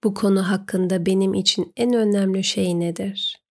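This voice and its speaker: A woman narrating a guided meditation, giving gentle, unhurried instructions with pauses. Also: medium pitch, fairly even intonation.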